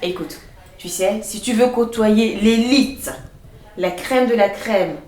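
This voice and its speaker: A woman's voice: mid-range voice, takes it slowly, a little mellow, reverberant, distant mic, lightly acted. An actress playing a prim, fussy young woman who lectures her new roommate about noise and manners. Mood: lecturing. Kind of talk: web series acting.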